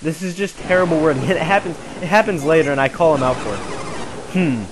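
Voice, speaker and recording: A man's voice: a little high, brisk. A man giving casual, joking commentary while playing a game, recorded on a desk mic with hiss. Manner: joking, wry, rambling. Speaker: let's play commentator. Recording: hissy home recording.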